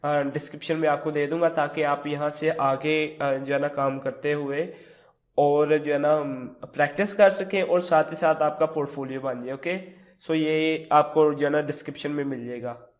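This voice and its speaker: A man with a sore throat walks through a screen tutorial one step at a time. His voice sits a little higher than usual, and his explaining stays relaxed and easy. He drops English words into his sentences as he goes. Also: moderate pace. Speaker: tutorial host. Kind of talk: screen-recorded tutorial walkthrough.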